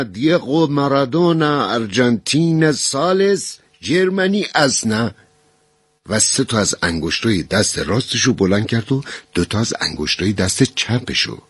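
A man narrating a story in a lively storytelling style, switching into voices for the characters. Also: fairly low pitch, husky, dry recording.

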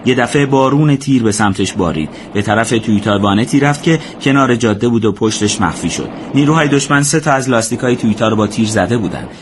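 A man narrating a war story as scripted audiobook narration, in a steady, measured way. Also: medium pitch, noisy background.

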